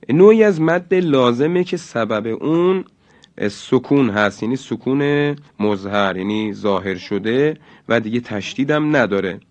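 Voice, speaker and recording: A man teaching Quran recitation rules in a slow, deliberate lesson, stretching out example words. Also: medium pitch, animated, highs cut off. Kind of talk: religious lesson.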